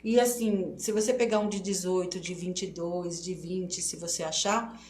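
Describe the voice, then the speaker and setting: A woman's voice: fairly low pitch, fairly even intonation, moderate pace, a little mellow. Middle-aged woman teaching embroidery live. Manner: chatty, explains step by step with many checks like "tá certo?". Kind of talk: live online class. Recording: roomy echo, faint noise.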